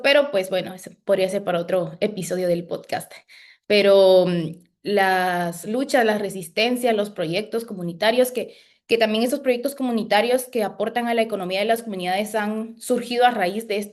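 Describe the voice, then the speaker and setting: A woman journalist, answering in a podcast interview, thoughtful and halting with many restarts. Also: medium pitch. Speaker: community journalist.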